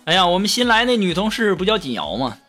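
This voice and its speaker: A man's voice: high-pitched, quick pace. A man hosting a comedy podcast, telling funny anecdotes and acting out the voices in them. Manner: lively storytelling, acting out quoted voices. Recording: music bed under the voice.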